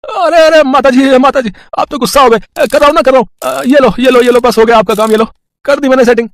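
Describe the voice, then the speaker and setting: A man's voice: very high voice, steady tone, fast, dry recording, voice pushed up. A man voicing a greedy, cheerful young male electrician in a cartoon, talking in a wheedling way. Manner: wheedling, laughing.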